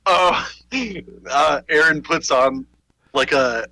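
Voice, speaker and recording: A man in a casual gaming podcast chat, telling an anecdote in a wry, halting way. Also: on the high side, pushed and bright, no echo, poor audio.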